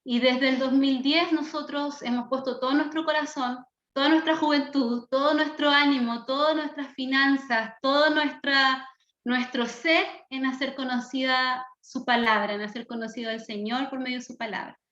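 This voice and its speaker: A woman's voice: high-pitched, fairly even intonation, normal speed, fairly bright tone, roomy sound, highs cut off. A Chilean woman in her thirties, from the south of the country, introducing herself earnestly as a missionary Bible teacher in an online class. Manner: earnest, enthusiastic, fervent.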